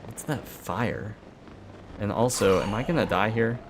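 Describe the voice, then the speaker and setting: A little slow and lowish in pitch, this thirty-something man talks casually during a game livestream against background noise. Rambling and muttering to himself, he sometimes breaks into laughter or a swear word.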